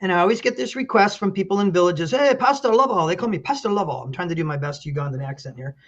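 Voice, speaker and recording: Speaking quickly in a high voice, this middle-aged pastor and county official tells stories as an interview guest, earnest throughout and often starting over mid-thought. The recording is dull.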